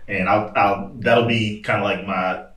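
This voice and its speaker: A man hosting a podcast in casual conversation, often laughing and giving quick supportive replies. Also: on the low side, steady tone, a bit bright. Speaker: podcast host. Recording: roomy echo.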